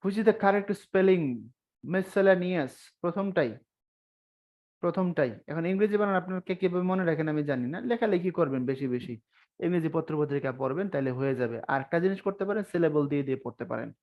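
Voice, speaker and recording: A young man teaches an online exam-prep class on spelling. His voice sits a little high, and he keeps the lesson chatty, teasing his students and tossing them questions. The sound is dull and lo-fi, like a streamed class. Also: a little fast.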